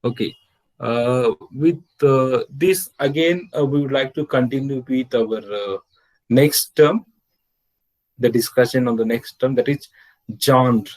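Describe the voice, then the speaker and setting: A man's voice: mid-range voice, measured pace, a little mellow, poor audio. A man giving an online literature lecture. He explains step by step, with many fillers like "okay" and "means". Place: home, recorded over a video call. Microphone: computer or headset mic on a video call.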